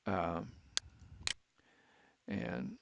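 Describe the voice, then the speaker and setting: A middle-aged man teaching architecture students, talking through a software tutorial with many fillers and restarts. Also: low voice, wildly swooping pitch, very slow, vocal fry, no echo. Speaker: architecture instructor. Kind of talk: screen-recorded software tutorial. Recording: dull, lo-fi screen capture.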